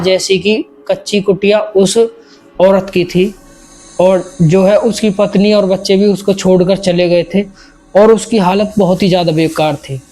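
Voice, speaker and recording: A man's voice: high voice, darkish tone. A man casually retelling a horror story in his own words, with restarts and quoted dialogue.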